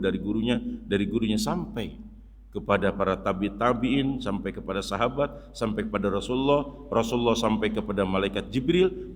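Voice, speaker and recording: A man giving a mosque sermon in a lively, joking way, often turning to his listeners and acting out shouts. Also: lowish voice, husky. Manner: lively, jokey, addresses listeners as "Pak", acts out shouts. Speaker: Islamic preacher. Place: mosque hall. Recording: long reverb of a hall.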